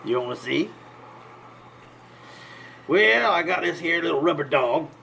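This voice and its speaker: A man's voice: a little high, lively intonation, measured pace, creaky, bright, forceful tone, exaggerated voice, rough recording. A man voicing a folksy, boastful prankster clown with a rustic drawl and homespun grammar in a tabletop game. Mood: boastful, fumbling. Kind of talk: tabletop role-play in character. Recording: faint background noise.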